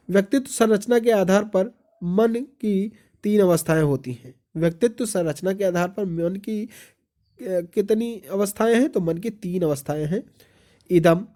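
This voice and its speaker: A teacher reading exam-prep notes aloud, repeating each point as a question and then answering it. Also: male voice, sits high, mellow.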